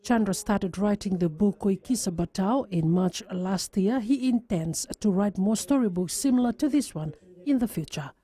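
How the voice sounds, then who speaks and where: A woman's voice: mid-range voice, normal speed, mellow, breathy edge. A woman reporter reading a scripted news voice-over.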